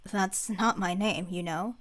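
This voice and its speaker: A gentle storytelling churchman, voiced by a woman narrator, speaks calmly with a hint of mischief. He sounds quietly amused and softly teasing, in a dramatic reading of fiction. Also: medium pitch, a little slow, close to an everyday voice. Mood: calm amusement.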